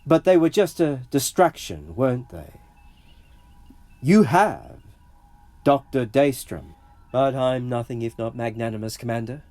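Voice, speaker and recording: Ruthless imperial starship captain, played by a man, smug, clipped, animated, dry sound with faint music. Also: mid-range voice, unhurried, long pauses, dry recording, natural voice. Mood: smug, menacing. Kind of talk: dramatic audio comic acting.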